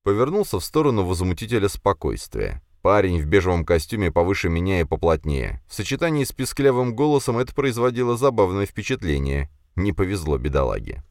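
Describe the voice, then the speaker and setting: A man narrating a first-person fantasy audiobook, expressive and acting out the dialogue. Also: low voice, fairly quick, hardly any pauses, dry recording, clean studio sound.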